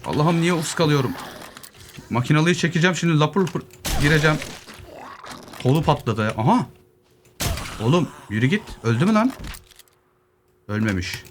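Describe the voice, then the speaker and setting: A man's voice: fairly high pitch, moderate pace, long pauses. A young man from Turkey giving casual solo gameplay commentary, joking with zombies and muttering as he loots. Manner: lively, joking asides to zombies, muttering while looting. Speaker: gaming YouTuber. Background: keyboard clicks, faint noise.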